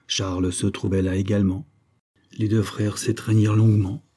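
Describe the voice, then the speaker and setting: A male audiobook narrator reading a novel in a measured, expressive way. His voice is low and dark, with a husky grain. The reading stays steady and scripted.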